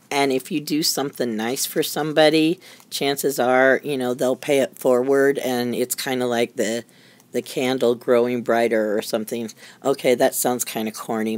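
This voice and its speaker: A middle-aged woman chats casually as she shows off things she has made. Her talk rambles along and is easily amused. The sound is dry, with very little room echo. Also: very deep voice. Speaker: craft maker showing handmade journals. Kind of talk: casual show-and-tell. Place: indoors at a craft desk.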